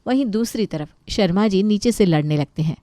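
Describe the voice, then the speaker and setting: A woman narrating an animated moral story in an even, scripted storytelling delivery. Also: mid-range voice, normal speed, no echo, studio quality.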